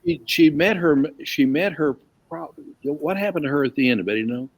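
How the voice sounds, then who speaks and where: A man's voice: on the high side, expressive, fairly quick. Man leading a chatty Bible study. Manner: chatty, rambling, with restarts and questions to the group. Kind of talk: casual group Bible teaching.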